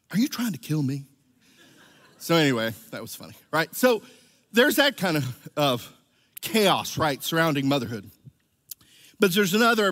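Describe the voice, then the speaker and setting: A man's voice: mid-range voice, a bit bright. A middle-aged man, a church elder, preaching a conversational sermon and telling stories, often checking in with "right?". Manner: chatty storytelling, keeps asking "right?". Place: church sanctuary. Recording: long reverb of a large church hall.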